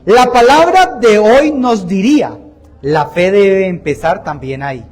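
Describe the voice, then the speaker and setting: A man's voice: high-pitched, animated, measured pace, darkish tone. A man preaching a Sunday homily in a church, emphatic and repetitive, asking the congregation direct questions and joking about himself. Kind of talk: Sunday sermon.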